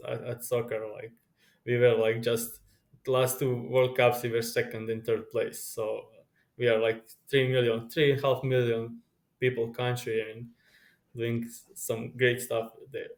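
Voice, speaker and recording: Man, young adult, Croatian accent, non-native English, rambling, halting, eager guest. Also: mid-range voice, level tone. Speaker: guest, pro sports bettor. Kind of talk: casual interview chat.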